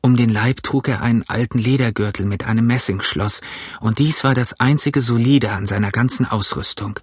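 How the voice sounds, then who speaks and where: Man, audiobook narration, measured storytelling, husky, dry recording. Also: mid-range voice, dry recording.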